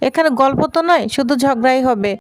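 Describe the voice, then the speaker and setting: A woman voicing a bossy, cheerful young sister with a brisk, coaxing manner, in a retold serial story. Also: sits high, no echo, close to an everyday voice.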